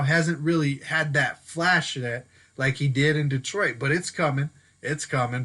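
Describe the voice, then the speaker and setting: A man talks through the week's football games as the host of his own show, casual and chatty. His voice sits a little high and comes across bright and forceful. Now and then he stops to fix a slip of the tongue. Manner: casual, chatty, self-correcting. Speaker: sports podcast host. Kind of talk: solo sports commentary talk. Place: Denver.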